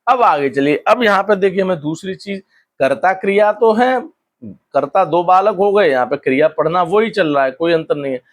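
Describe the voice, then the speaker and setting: Man teaching slowly, drawing out words. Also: sits high, animated. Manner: asks questions then answers them, drawing out words slowly. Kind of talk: classroom lesson explanation.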